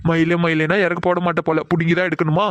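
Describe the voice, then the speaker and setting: A rapid-fire, sneering young college bully, voiced by a man in a cartoon drama, with a slightly high voice. He taunts and coaxes, then turns whiny and begs when cornered. The sound is dry and close. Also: level tone, no echo, muffled recording, natural voice. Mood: taunting.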